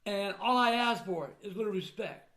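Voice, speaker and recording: A man's voice: sits high, lively intonation, a little fast, bright, forceful tone, poor audio. An older man talking casually and bluntly to his viewers, with the plain manner of an old grandfather. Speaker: vlogger recounting family troubles. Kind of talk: casual personal talk to viewers.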